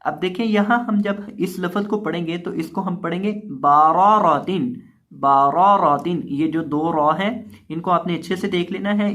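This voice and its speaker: A man with a slightly high voice teaches recitation. He speaks patiently and slowly, spelling out each letter before saying the whole word louder and stretched out. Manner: patient, slow, spells letters then recites words aloud with emphasis. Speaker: Quran reading teacher. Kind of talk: recorded lesson.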